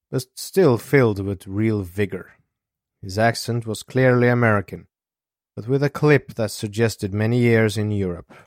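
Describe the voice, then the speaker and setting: A man narrating an audiobook in a calm, measured way, taking his time over every line. His voice sits fairly low, and the recording is dry and close with no room sound. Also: dry recording.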